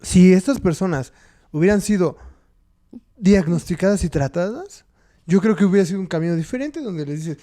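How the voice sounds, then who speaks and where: Mexican guy cohost, dark mellow voice, slangy, thinks out loud, swears some. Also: high voice, animated, normal speed. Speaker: podcast co-host. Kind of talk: casual chat.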